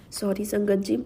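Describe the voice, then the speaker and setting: A woman with a slightly sore throat, slowly and earnestly telling a devotional testimony to her listeners, mixing English words into her Hindi. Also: mid-range voice, fairly bright tone, slight background noise. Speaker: devotional channel host. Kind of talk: personal testimony to a spiritual audience.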